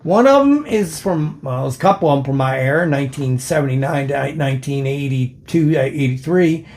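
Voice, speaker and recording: An older American man talking in a casual, rambling vlog, halting and meandering, with slurred, lisped F and S sounds from missing teeth. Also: mid-range voice, lively intonation, a little mellow. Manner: halting, meandering, circles back. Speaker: video channel host, former police officer.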